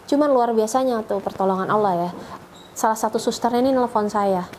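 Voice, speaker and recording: A woman's voice: a little high, fairly quick, a little mellow, slight background noise, low-quality recording. A middle-aged woman telling the story of how she came to Islam, in a chatty, rambling way with many restarts. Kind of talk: emotional personal testimony.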